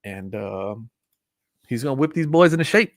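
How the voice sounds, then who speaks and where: A man's voice: medium pitch, animated, moderate pace, dry recording. Casual stream host: man, early forties, loose rambling delivery, dry close sound. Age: 40s. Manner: rambling, frequent fillers and restarts. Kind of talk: casual live stream chat.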